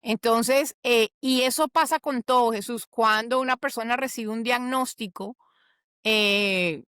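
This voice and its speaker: A woman's voice: on the high side, measured pace, a bit bright, smooth, no echo, studio quality. A woman psychologist, explaining in a conversational interview and acting out the voices of people she quotes. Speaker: psychologist guest.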